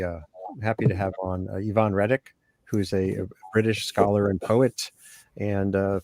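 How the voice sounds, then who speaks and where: A man's voice: lowish voice, no room sound. An older man hosting an online panel over a video call, talking casually and hesitantly with many fillers and restarts. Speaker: host.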